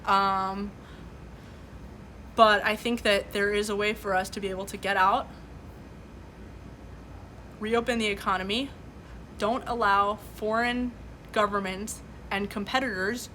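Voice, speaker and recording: Her medium-pitched voice is pushed and bright, the intonation fairly even, and she takes her time with frequent pauses while a little hiss or hum runs underneath. A woman whose first language is Farsi, she hosts a home live stream with boxes behind her, talking earnestly about current events and answering chat with many fillers and restarts.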